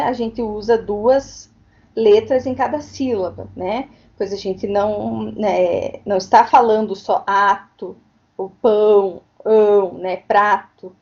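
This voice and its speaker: Woman, higher-pitched, explains patiently to teachers over a video call mic, muffled lo-fi audio. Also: darkish tone. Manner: explanatory, frequent tag questions. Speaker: teacher educator. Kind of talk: online lecture. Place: home, virtual meeting. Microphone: computer mic on a video call. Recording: dull lo-fi online recording.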